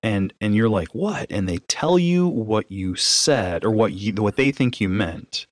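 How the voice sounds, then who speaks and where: A man hosts a podcast, teaching conversationally as an animated storyteller through anecdotes, acting out dialogue and asking rhetorical questions. His voice is fairly low and a little slow, with no room sound.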